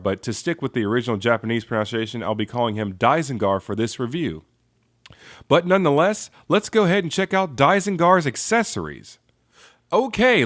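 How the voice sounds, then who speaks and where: A man's voice: fairly high pitch, a bit bright, no echo. Enthusiastic man reviewing a toy, dry close mic. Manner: enthusiastic, repeats praise words, frequent ums. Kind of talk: casual product review.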